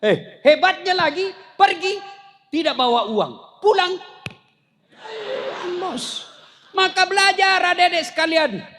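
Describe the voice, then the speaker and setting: Comic preacher man, high voice, tells jokey stories to a crowd. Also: slow, long pauses, bright, forceful tone, a little hiss or hum. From South Sulawesi, Indonesia. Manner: storytelling with jokes, raises voice for punchlines. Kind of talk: humorous sermon to a crowd.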